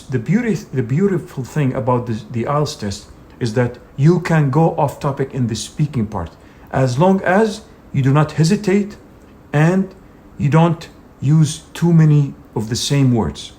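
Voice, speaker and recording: A man's voice: on the high side, animated, a little slow, mellow. A man teaching an English speaking exam lesson, talking in an emphatic, direct coaching manner with frequent "you know" fillers. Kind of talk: instructional video lesson.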